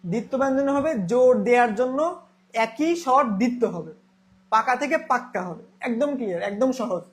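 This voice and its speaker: A man's voice: extremely high pitch, brisk. Bangla teacher quizzing his class. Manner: repetitive, asks and answers his own questions. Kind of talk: online Bangla grammar class.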